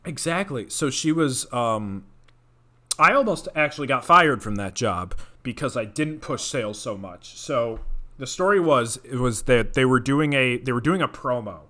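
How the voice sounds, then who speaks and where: A young man co-hosting a podcast, telling a story in casual chat, animated and swearing often. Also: mid-range voice, normal speed. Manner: animated, swears a lot, acts out quoted voices. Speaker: podcast co-host.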